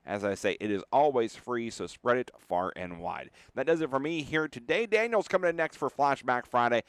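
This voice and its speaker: A man's voice: mid-range voice, animated, normal speed, clean tone, no room sound. An American man presenting on the radio in a polished announcer's style, reading out items and ads. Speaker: radio host and ad reader. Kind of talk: radio presenter talk and ad read. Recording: faint music bed behind.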